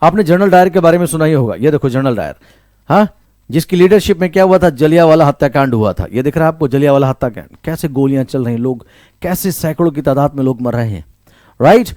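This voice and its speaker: A man's voice: fairly high pitch, animated, fast, darkish tone, no echo, studio quality. A man with an Indian English accent teaching vocabulary, repeating each word and quizzing the listener, mixing Hindi with English phrases. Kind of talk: online vocabulary lesson.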